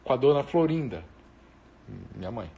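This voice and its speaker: Speaking English with a Brazilian Portuguese accent, a Brazilian man whose first language is Portuguese chats casually on a live stream, replying to viewers as thoughts arise. His mellow, mid-range voice swings widely in pitch, and he rambles with frequent hesitations and fillers.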